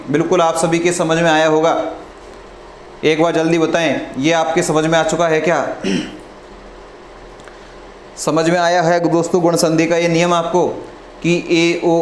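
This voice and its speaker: A man teaching a live online grammar lesson, asking questions and answering them himself, calling his students "friends" and clearing his throat often. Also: a little high. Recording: echoey room with faint noise.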